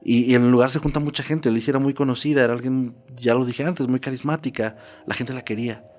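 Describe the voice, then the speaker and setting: A man's voice: mid-range voice, steady tone, fast talker, a little mellow. Man telling a horror story. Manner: conversational, checks in with "¿no?". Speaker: podcast storyteller.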